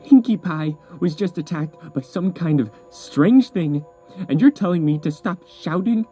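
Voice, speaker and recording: Blunt, impatient cartoon pony mare, played by a male reader, pitched up and swinging. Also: expressive, a little slow, dark tone, breathy edge, soft background music. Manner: snappish, blunt. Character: brash impatient young female pegasus pony.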